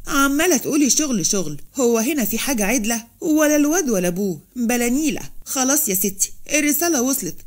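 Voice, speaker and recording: Egyptian brazen young woman, scornful and mocking as a woman reads her, lively, quick. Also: sits high. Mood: taunting. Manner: taunting, scornful.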